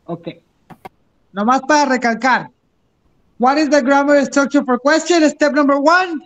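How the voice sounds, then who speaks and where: Very high-voiced male teacher. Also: unhurried, fairly bright tone. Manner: encouraging, switches between English and Spanish. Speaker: English teacher. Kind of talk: online class instruction.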